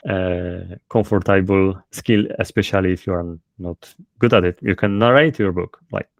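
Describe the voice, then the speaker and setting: The guest is a self-published author with a thick Polish accent, explaining his methods hesitantly with many fillers in an informal interview. He has a low, gravelly voice with fairly even intonation at a moderate pace, recorded without echo but sounding muffled.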